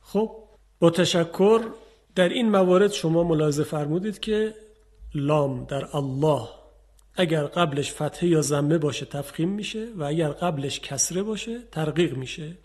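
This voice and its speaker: A man's voice: on the high side, a little mellow. A male Quran recitation teacher giving a patient explanatory lesson, repeating and demonstrating each example.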